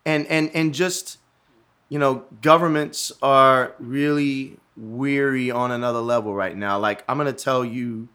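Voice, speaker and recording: Casting note: male podcast co-host, loose and profane, keeps restarting sentences, mid-pitched everyday voice. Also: a little slow, pushed and bright, smooth. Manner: rambling storyteller, profane, many restarts. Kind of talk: casual chat.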